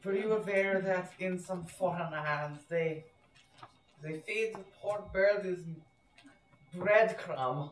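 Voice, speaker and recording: A man's voice: sits high, slow, slight background noise. A man playing Hansel with a fake German accent. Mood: defensive. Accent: put-on German. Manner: stiff, formal phrasing. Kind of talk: amateur school stage comedy. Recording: echoey room from far off.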